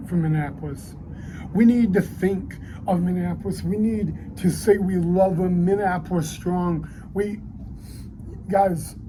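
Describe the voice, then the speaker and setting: A woman's voice: on the low side, mellow, a little hiss or hum. A woman hosting her own channel, crying as she speaks to viewers and stumbling over repeated words. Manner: halting, tearful, repeats herself. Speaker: channel host. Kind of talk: emotional direct-to-camera address.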